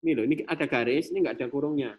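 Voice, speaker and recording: A man's voice: medium pitch, very fast, darkish tone. A male programming lecturer with an Indonesian accent, casually explaining code in a live class, repeating himself as he thinks aloud. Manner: repetitive, thinks aloud while demonstrating.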